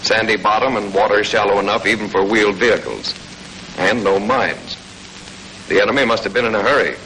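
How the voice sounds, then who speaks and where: A brisk American man, his voice on the low side and bright and forceful, reads scripted instructions matter-of-factly with some folksy flavor. It sounds like a 1940s military training film narrator, recorded on a noisy old soundtrack of the era.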